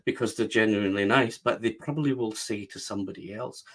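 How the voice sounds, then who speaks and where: A man's voice: on the low side, fast talker, fairly bright tone. A man with a West of Scotland accent, speaking as a guest on an interview podcast and stressing his points with repeated phrases. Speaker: guest, book strategist.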